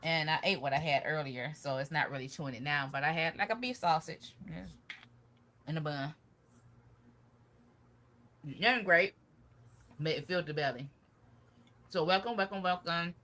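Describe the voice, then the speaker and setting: A woman's voice: low-pitched, moderate pace, long pauses. A woman co-hosting a casual live gardening chat, greeting viewers and talking easily with "y'all". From Michigan. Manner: chatty, warm greetings with Southern-style "y'all".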